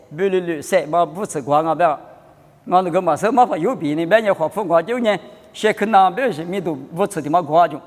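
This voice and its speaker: A man talking in a casual, unscripted, conversational way. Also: sits high. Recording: long hall-like reverberation.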